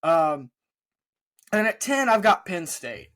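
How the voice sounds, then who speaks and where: A man's voice: high voice, very animated, slow, fairly bright tone. A young man co-hosting a casual sports talk show, talking confidently through his picks with frequent fillers. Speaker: podcast co-host.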